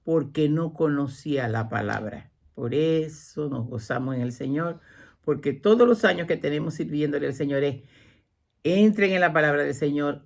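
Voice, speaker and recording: A woman's voice: low-pitched, gravelly. Woman retelling scripture with acted quotes. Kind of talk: religious talk show.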